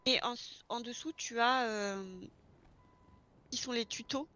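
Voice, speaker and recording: Slowly and forcefully, a woman with a slightly high, bright voice explains procedures one step at a time. She is roleplaying online as an experienced garage employee training someone new, in a casual, informal chat.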